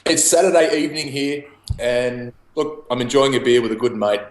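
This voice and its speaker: A young Australian man chatting casually over a video call, laid-back and quick to laugh, swearing now and then. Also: mid-range voice, steady tone, reverberant, low-quality recording. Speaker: guest homebrewer.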